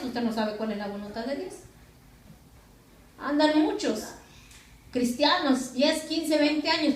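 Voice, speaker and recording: High-voiced woman pastor preaching in an echoey church. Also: recorded from a distance, slight background noise. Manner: preaching with rhetorical questions to the congregation. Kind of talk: sermon. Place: church hall.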